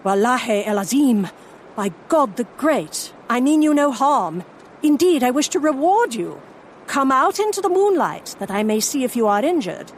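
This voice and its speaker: A woman playing a brisk, commanding Victorian lady Egyptologist who narrates and speaks in crisp, formal sentences, in a full-cast audio drama. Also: high voice, big pitch swings, slight background noise. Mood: coaxing. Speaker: narrator and lead character.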